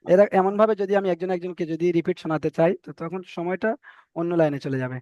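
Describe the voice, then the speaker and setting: A man with a high voice leads an online Quran reading class, patiently spelling out Arabic letters and drawing them out slowly. His voice sounds dry and close, with a dull, lo-fi quality from the call. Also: a little mellow, no echo.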